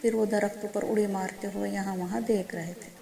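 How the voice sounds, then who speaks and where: A woman narrating a children's story slowly and gently, speaking to the children. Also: medium pitch, level tone, gravelly. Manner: slow, gentle, addressing children.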